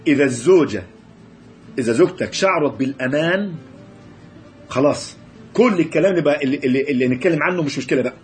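A man with an Egyptian Arabic accent giving a lively religious lecture on marriage to a class, often repeating and restarting words. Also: on the high side, quick pace, long pauses, faint music behind.

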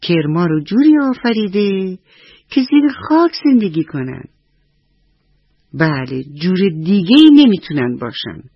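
A husky-voiced woman voicing a patient old grandmother in a radio bedtime story, lower and slower, soothing and affectionate. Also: sing-song, dry recording, full character voice. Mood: gently explaining. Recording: slightly dull radio recording.

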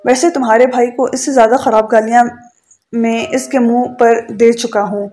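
A woman's voice: on the high side, steady tone, warm tone, slight background noise, natural voice. A woman reading the lines of a young husband who is blunt, unapologetic and dryly teasing. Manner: cool, unapologetic, dryly provoking.

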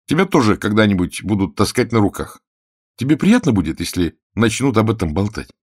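A man's voice: fairly low pitch, very animated, brisk, husky, dry recording, studio quality, pitched above the performer's own voice. A man reading aloud and voicing a proud boy who plays a scornful, commanding knight.

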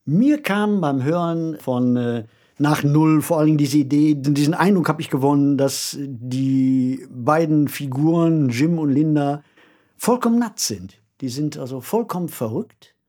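With a fairly high pitch and a warm tone, a man who is both an author and a podcast co-host talks through a radio play in conversation. His delivery is emphatic, reflective and story-like.

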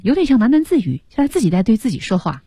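Slightly husky woman radio teacher. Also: fairly high pitch, very animated, racing, mellow, no room sound, clean studio sound. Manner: guiding students, repeats English lines expressively. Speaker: radio English teacher, co-host. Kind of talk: explaining lesson on radio. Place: radio studio.

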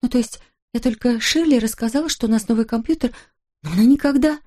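A terrified, meek wife, voiced by a woman reading an audiobook, pleads in a high, shaky whisper. She moans her words rather than speaking them. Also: extremely slow, mellow. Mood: frightened pleading.

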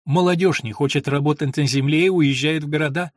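A man voicing a calm, smug old steward. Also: a little high, a little fast, no room sound, studio quality, lightly acted. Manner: calm, unruffled.

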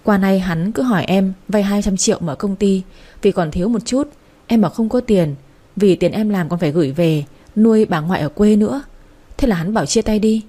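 A woman's voice: medium pitch, dark tone, close to an everyday voice. A woman voicing a heartbroken young man who cries and stammers as he talks, in a storybook reading. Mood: tearful. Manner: stammering, whimpering, hurried. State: crying.

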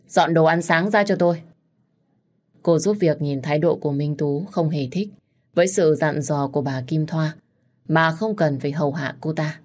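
A woman with a low voice narrates a story in a steady, even way. Her delivery is scripted and calm, reading one line after another.

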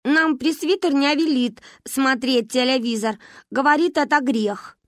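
A woman voicing a calm, prim little village girl who talks in a slow, drawling folksy way. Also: sits high, no echo, clean studio sound, pitched above the performer's own voice.

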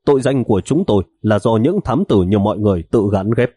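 A man's voice: lowish voice, lively intonation, quick pace, mellow, breathy edge, no room sound, clean studio sound. A man voicing a blunt middle-aged intelligence officer who speaks plainly. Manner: plain, matter-of-fact.

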